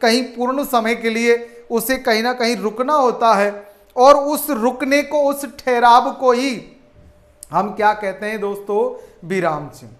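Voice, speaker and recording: A man's voice: very high voice, measured pace. A man teaching a grammar lesson to online viewers, often asking a question and answering it himself. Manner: addresses viewers as friends, asks and answers own questions. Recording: echoey room.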